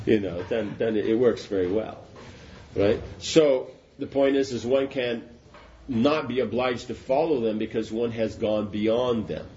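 A man's voice: medium pitch, unhurried, warm tone. A man giving an informal spiritual talk, rambling with restarts and often asking whether it makes sense. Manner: rambling, repeats and restarts, asks "does that make sense?". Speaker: spiritual teacher. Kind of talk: informal philosophical discourse. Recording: dull lo-fi recording with faint noise.

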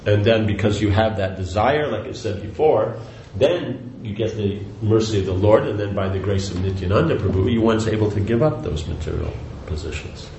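An older spiritual teacher delivers a devotional lecture in a rambling, conversational style, full of asides, restarts and "you know." His fairly low, slightly mellow voice is animated, at a moderate pace with few pauses, and the highs are cut off in an echoey room with faint noise.

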